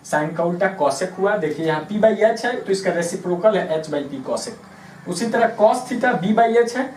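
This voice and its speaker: A man's voice: high-pitched, expressive, a little slow, a little mellow, slight background noise. A man from Bihar teaching a maths lesson at a board, patiently repeating terms and spelling words out letter by letter. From Bihar, India. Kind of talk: classroom lesson explaining at a board. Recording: echoey room, voice from a distance.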